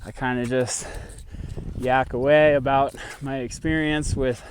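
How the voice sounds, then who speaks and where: A man talking casually to his vlog viewers, out of breath and breathing heavily, in halting short phrases. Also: mid-range voice, steady tone, a little hiss or hum. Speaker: video channel host.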